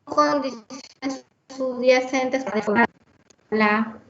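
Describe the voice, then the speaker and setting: A woman's voice: high voice, very slow, gravelly. Woman lecturing over a choppy call. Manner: steady, explanatory, frequent "eh" and "¿sí?" checks. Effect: choppy, breaking-up video call audio. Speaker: microbiology lecturer. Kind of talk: online class lecture. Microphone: video call. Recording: muffled lo-fi choppy call audio.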